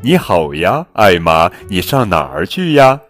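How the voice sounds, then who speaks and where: A man's voice: low voice, very animated, a little slow, a bit bright, faint music behind, heavily acted. A man voicing a fatherly lion who exclaims dramatically. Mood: concerned. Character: fatherly lion, warm and fussing.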